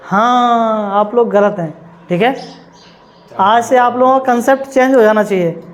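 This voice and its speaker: A man's voice: very high voice, a little slow, rough recording. A male teacher giving a classroom lecture, sure of himself and emphatic, often checking in with his students. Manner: emphatic, keeps asking "ठीक है?" to check with students; self-assured, insists others taught it wrong.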